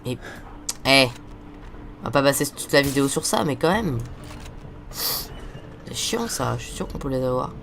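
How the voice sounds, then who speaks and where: A teenage gaming host with a stuffy cold rambles through a casual let's-play, cursing at the game. His medium-pitched voice is expressive and creaky, unhurried and full of pauses, over background noise.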